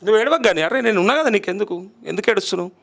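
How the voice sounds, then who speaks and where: A man's voice: high-pitched, expressive, racing, gravelly, fairly bright tone. A male journalist, interviewing people on the spot, coaxing them and repeating their answers back.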